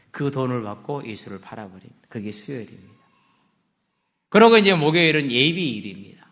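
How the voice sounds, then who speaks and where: A man's voice: mid-range voice, a bit bright. A middle-aged male pastor, preaching a story-driven sermon and asking his congregation questions. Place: church sanctuary. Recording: echoey church hall.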